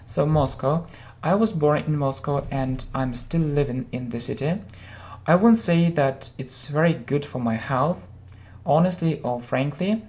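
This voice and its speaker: English teacher explaining phrases slowly. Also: mid-range voice, darkish tone. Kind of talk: spoken vocabulary and grammar lesson.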